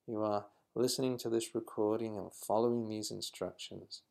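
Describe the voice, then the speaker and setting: A man leading a guided mindfulness exercise in a slow, calm, instructive manner. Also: fairly low pitch, gravelly. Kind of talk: guided meditation.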